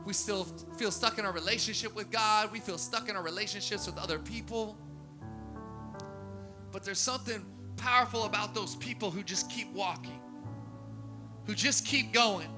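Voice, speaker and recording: Male pastor preaching, high tenor with sharp bright edge, faint keys underneath. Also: moderate pace, music in the background. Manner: repetitive preaching cadence, rising to emphatic peaks. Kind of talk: sermon. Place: church sanctuary.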